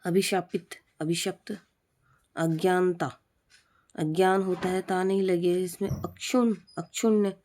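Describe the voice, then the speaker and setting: A woman teaching Hindi spelling for an exam, slowly repeating the wrong and the right form of each word. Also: lowish voice, steady tone, a little mellow. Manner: slow, repetitive drilling of correct forms. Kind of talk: spelling lesson for exam prep.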